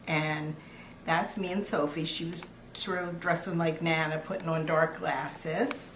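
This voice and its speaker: An older grandmother, low-voiced, looks over family photos and reminisces casually, sweet and affectionate in an old-lady way. Her intonation stays fairly even, her pace is measured, and her tone is fairly bright. The room is echoey, with clear background noise.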